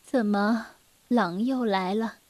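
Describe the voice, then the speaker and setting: A woman voicing a gentle, calm mother in a children's storybook, speaking softly and soothingly, well below her own narrating voice. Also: on the high side, measured pace, dry recording. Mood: tired, patient. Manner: soft, hushed, soothing.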